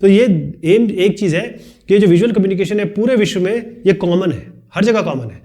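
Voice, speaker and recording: A man teaching a fast-paced lesson, talking quickly and chattily, explaining with everyday examples and light asides. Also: high voice, lively intonation, warm tone. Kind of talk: fast-paced Hindi tutorial lecture.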